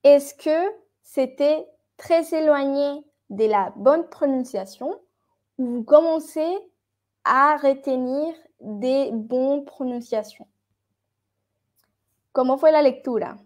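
A woman with a fairly high voice leads a French lesson, explaining in Spanish and switching back to French. She talks at an unhurried pace. She says tricky words over and over, so her students can hear each sound. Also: darkish tone. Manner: slow, repeats words to drill pronunciation. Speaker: French teacher. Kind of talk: online language lesson.

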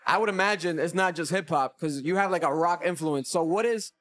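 A young man with a notably high voice hosts a podcast interview. His phrasing is casual and slangy, with frequent words of agreement, spoken into a studio-style microphone in a small room. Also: fairly quick, fairly bright tone. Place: small indoor room with couches. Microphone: podcast microphone on boom arm.

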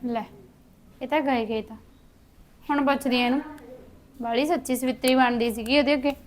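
A woman's voice: sits high, fairly even intonation, moderate pace, noisy background, natural voice. A woman acting a spiteful sister-in-law who taunts and orders around her widowed relative in a short village drama. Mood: sneering. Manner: scolding, taunting, commanding. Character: cruel scheming sister-in-law, bossy and spiteful.

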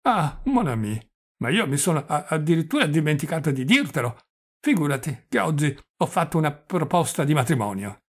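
Guy doing a doddery old prince in an audiobook, husky, keeps tripping over words, tosses in french. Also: fairly high pitch, big pitch swings, a little fast, pitched above the performer's own voice. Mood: fretful. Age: older. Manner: stammers on words, sprinkles French phrases. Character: doddering old prince, forgetful, rambling, stammering. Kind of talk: audiobook character reading.

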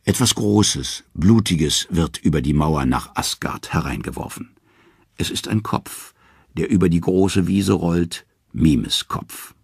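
A man reading a myth audiobook as narrator in a lively, expressive storytelling manner. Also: deep voice, takes it slowly, creaky, husky, no room sound, clean studio sound. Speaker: audiobook reader.

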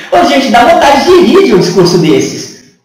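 High-pitched Brazilian man, echoey room. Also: big pitch swings, slow pace, recorded from a distance. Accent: Brazilian Portuguese. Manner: rhetorical, sarcastic, asks many questions. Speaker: channel host. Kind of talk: political opinion monologue. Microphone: camera from a few feet away. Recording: echoey room, voice a bit off-mic.

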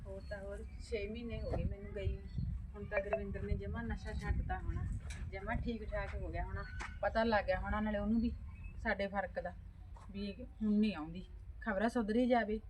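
An actress playing a young wife who returns home and pleads with the family. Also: female voice, mid-range voice, brisk, background noise, lightly acted. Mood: wistful. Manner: talks to herself, then questions everyone urgently. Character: young wife coming home to her husband, regretful.

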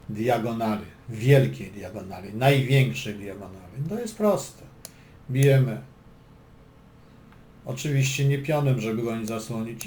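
A chess instructor with a dark-toned, mid-range voice teaches a lesson, announcing moves and explaining plans. He adds dry jokes between the move calls. The room sounds echoey, with faint background noise.

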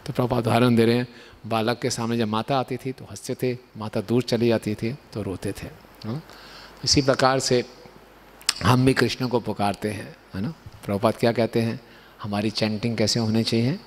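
A man's voice: mid-range voice, steady tone, moderate pace, a little hiss or hum. A man giving a devotional sermon, telling stories, often asking his listeners for agreement and laughing lightly at his own jokes. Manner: keeps asking listeners for agreement with tag questions. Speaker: preacher.

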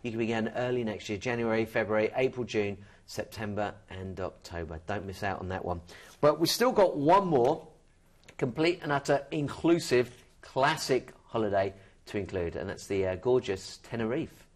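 A man hosts a televised travel sales show with salesy enthusiasm. He talks up deals eagerly, lifting his voice on the best prices. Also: moderate pace. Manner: upbeat, salesy, pitch rises when excited. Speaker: TV shopping host.

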